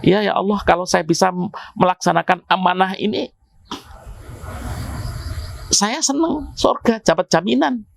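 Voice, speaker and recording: Male preacher doing the earth as a plaintive, raised-pitch supplicant, begging in a dry room. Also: measured pace, gravelly, long pauses, no room sound. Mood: pleading. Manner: pleading, repeating its address to God. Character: the earth pleading with God, weary, humble.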